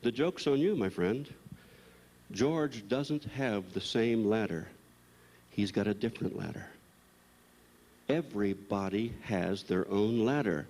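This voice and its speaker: A man, a psychologist, giving a blunt, animated storytelling lecture to a live audience. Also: fairly low pitch, takes it slowly, long pauses. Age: older. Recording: long hall reverb, recorded live.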